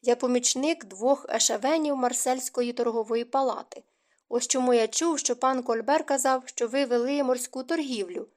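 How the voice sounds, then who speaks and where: A woman's voice: high voice, normal speed, a little mellow, natural voice. A woman narrator voicing an insistent, long-winded old bearded apothecary in an audiobook. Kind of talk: audiobook character reading.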